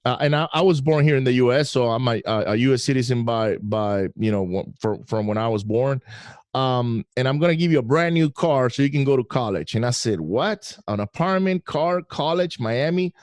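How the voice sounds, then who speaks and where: A middle-aged man from Venezuela telling his story as a guest, animated and laughing now and then. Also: medium pitch, moderate pace, no echo. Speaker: podcast guest. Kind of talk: casual interview storytelling.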